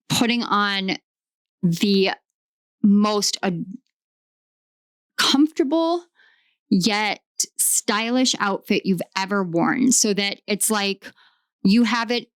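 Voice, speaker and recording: A woman's voice: mid-range voice, clean tone, dry recording, clean studio sound. Enthusiastic woman giving a tarot reading. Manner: enthusiastic, searching for words, many "like" fillers. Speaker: tarot reader.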